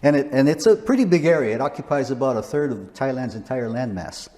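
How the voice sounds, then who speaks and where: A man's voice: mid-range voice, animated, fast talker, warm tone, long reverb tail. A man in his sixties, a missionary, talking casually in an interview with frequent restarts. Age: 60s. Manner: rambling, frequent restarts and chuckles.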